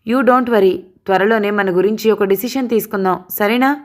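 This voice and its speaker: A woman's voice: mid-range voice, moderate pace, natural voice. A woman voicing a young man who reassures his lover, in an audiobook. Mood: gentle. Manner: soft reassuring, then angry.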